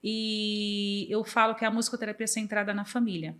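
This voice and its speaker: A woman's voice: mid-range voice, a little fast. A woman from Brazil, chatting as an interview guest about music therapy, sometimes singing and acting out bits of children's songs. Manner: lively, sings and acts out snatches of children's songs. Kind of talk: casual interview chat.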